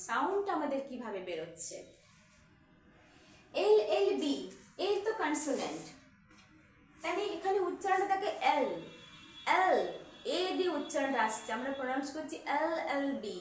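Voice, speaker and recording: Woman, teacher, Bengali accent, high voice, repeats examples, asks the class questions, very echoey room, mic far off. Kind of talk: classroom grammar lesson.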